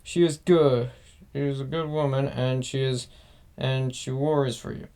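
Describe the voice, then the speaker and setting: A man's voice: mid-range voice, fairly even intonation, unhurried, dark tone, lightly acted. A man reading out the messages of a cold, manipulative older grandmother in a plain, barely acted voice.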